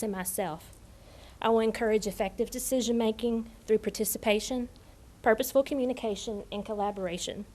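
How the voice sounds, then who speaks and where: A woman's voice: on the high side, darkish tone. A woman with a Tennessee accent giving an earnest, formal prepared thank-you speech as a new assistant principal. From Tennessee, United States. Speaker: newly appointed assistant principal.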